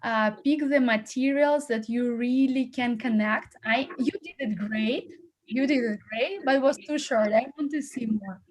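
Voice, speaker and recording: Hosting as an acting coach on a video call, a woman gives casual, encouraging feedback full of fillers and repeated words. Her voice is on the high side and unhurried.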